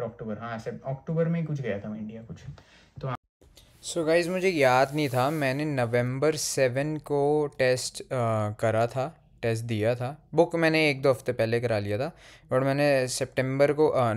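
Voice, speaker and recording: A young man from India telling a personal story in a casual, chatty way, often calling out "bro" and swearing. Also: medium pitch. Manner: chatty, keeps saying "bhai", swears. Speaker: vlogger.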